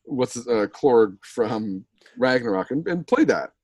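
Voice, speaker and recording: A man leading a loose, jokey conversation, his voice swinging lively up and down. He rambles and laughs often, recorded close and dry. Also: medium pitch, takes it slowly, dry recording. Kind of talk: casual chat.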